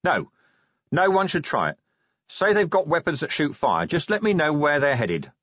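A man voicing a weary male watch commander who speaks curtly and sardonically, his voice raised and lively. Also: a little high, no echo, voice pushed up. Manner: curt, sardonic, brisk. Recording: dry, slightly dull audiobook sound.

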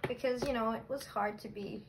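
A woman's voice: fairly high pitch, fairly even intonation, a little fast, noisy background. A woman in her twenties with a Latvian accent, co-hosting a podcast in giggly, playful banter. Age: 20s. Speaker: podcast co-host. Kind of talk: casual chat.

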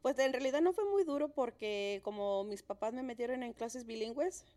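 With a rather high voice, a dark tone and a moderate pace, this thirtysomething Mexican podcast co-host chats in a warm, relaxed manner. She plays the encouraging interviewer in a casual conversation.

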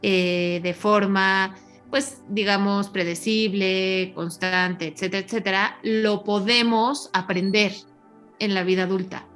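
Woman, parenting guest, measured explanations, tag questions, mid-pitched, soft music behind. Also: fairly even intonation. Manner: measured, explains with frequent "¿no?" and "etcétera". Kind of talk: explanatory conversation.

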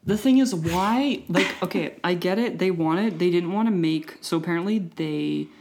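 Low-voiced woman ranting about a movie in a casual chat, jumps in over her friend. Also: moderate pace, vocal fry. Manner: animated, opinionated, talks over the other host. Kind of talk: casual chat reviewing a film.

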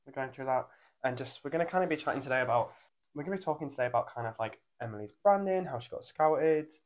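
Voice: mid-range voice, expressive, fast talker. Young adult host, Durham accent, North East English, casual interview chat, informal, loosely phrased. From Durham, England. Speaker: podcast host. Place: living room.

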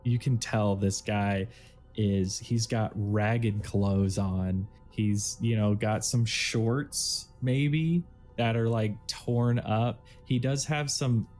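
A man narrating a tabletop role-playing game as dungeon master in a relaxed, rambling way, full of ums and likes. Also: fairly low pitch, slow pace, soft background music. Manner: casual, with many ums and likes.

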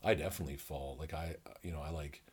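A North American man co-hosts a podcast in casual conversation, rambling enthusiastically with heavy use of fillers. He has a bass voice with fairly even intonation, speaks fast, and has a breathy edge.

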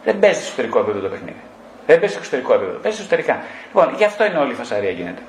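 A man's voice: medium pitch, very animated, echoey room, a little hiss or hum, poor audio. A middle-aged man, a psychotherapist speaking to a group, blunt and mockingly scolding, firing rhetorical questions straight at his listeners. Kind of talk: talk to a group.

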